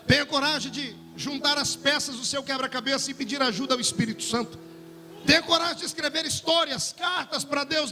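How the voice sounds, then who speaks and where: A male pastor preaching a fiery sermon, building into shouts and sing-song cries. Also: very high voice. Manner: impassioned preaching, swelling into shouts and near-singing. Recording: music under a long hall reverb.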